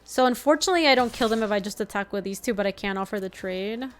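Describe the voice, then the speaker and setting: A young native Spanish speaker from Ecuador gives casual commentary while streaming a card game, chatting, reading out her chat and laughing at quick moments. Her voice is medium in pitch, with faint music behind it.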